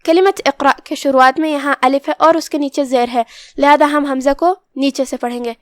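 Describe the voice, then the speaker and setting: A woman teaching Quran recitation rules, explaining calmly and reciting verses slowly and carefully. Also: high voice, no echo. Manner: slow, careful recitation between plain explanations. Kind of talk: tajweed lesson.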